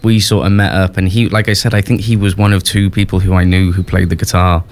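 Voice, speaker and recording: A man's voice: low voice, little pitch movement, fast. A young Welsh man from West Wales, a musician guest on a radio show, talking casually with many restarts and fillers.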